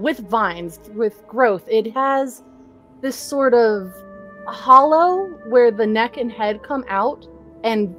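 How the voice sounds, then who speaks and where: Young woman narrating as game master. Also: on the high side. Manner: descriptive, unhurried, with laughs and fillers.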